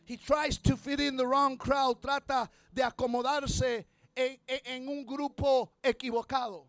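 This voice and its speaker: High-voiced impassioned male preacher. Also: flat delivery, slow, no echo. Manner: impassioned, builds to shouting. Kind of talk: bilingual sermon with interpretation.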